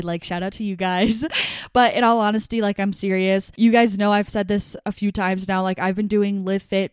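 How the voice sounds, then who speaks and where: A young woman hosting a solo podcast, talking fast and fired up, with her thoughts tumbling out between constant "like" fillers. Her voice is smooth and clear. It is recorded close and dry. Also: mid-range voice, no room sound. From New York. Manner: excited, rambling with many "like" fillers. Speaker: podcast host. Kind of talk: casual solo podcast talk.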